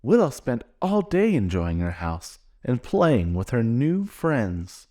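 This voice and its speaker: A man gently reading a children's storybook aloud in an expressive way. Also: mid-range voice, slow. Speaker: narrator.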